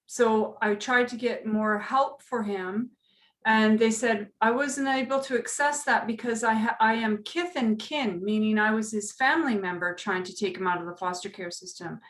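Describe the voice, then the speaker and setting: Passionate female panelist, raised pitch, roomy video-call audio. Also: normal speed, fairly bright tone. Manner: impassioned, personal. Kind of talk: online panel discussion.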